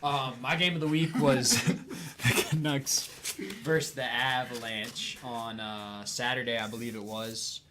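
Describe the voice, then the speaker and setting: A young man co-hosting a casual sports podcast, talking in a relaxed, rambling way with fillers. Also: medium pitch, measured pace, hardly any pauses, heavy background noise. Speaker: podcast co-host.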